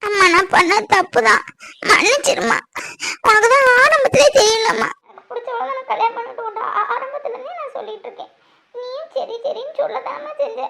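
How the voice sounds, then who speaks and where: A woman's voice: extremely high pitch, normal speed, creaky, crowd noise. A woman voicing a tearful young married daughter in a cartoon, pleading and sobbing as she begs her mother's forgiveness. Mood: remorseful. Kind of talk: cartoon voice acting.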